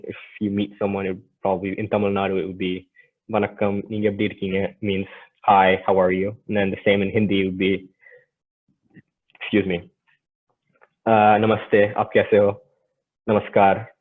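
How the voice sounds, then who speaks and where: Low, hesitant man on a tinny line. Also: slightly rough. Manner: hesitant, halting delivery. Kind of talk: informal slide presentation. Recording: tinny, phone-like narrow band.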